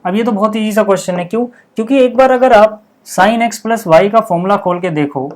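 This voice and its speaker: A man teaching a maths lesson step by step, checking in constantly with "okay" and repeating the key steps slowly. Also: high-pitched.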